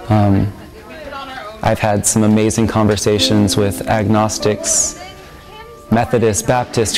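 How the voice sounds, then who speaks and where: A man's voice: fairly low pitch, rough recording. A young man, a student member of a campus ministry, speaking earnestly and reflectively in an interview testimonial, with frequent ums. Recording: music bed under the voice. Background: music.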